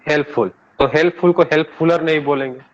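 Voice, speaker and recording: A man's voice: on the high side, fairly even intonation, fast talker. A man with an Indian accent teaching an English grammar lesson to students. He explains patiently, switches between languages and asks the class for answers. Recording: dull lo-fi classroom recording.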